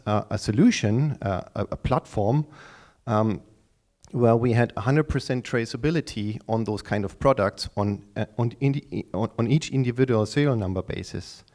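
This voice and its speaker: Halting middle-aged man pitching at a conference. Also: a little mellow. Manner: halting, repeats and restarts words often. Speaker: startup pitch speaker. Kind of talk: live conference pitch to an audience.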